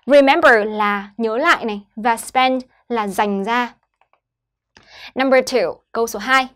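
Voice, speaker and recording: Higher-voiced woman teaching English words. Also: fairly bright tone. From Vietnam. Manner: slow clear modeling of English words, then explaining. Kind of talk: online English lesson for children.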